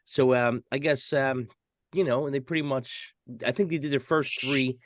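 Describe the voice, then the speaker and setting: A man's voice: medium pitch, steady tone, normal speed, no echo, studio quality. A man co-hosting a casual podcast chat in an easygoing way. He laughs often and fills his sentences with "you know". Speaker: podcast co-host.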